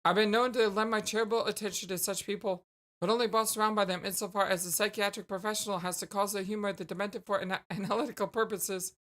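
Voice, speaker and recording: A woman's voice: mid-range voice, fairly bright tone, lightly acted. Woman as a haughty, sardonic, eloquent girl. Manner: eloquent, pompous, dry. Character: witty, haughty, sardonic girl with an analytical streak.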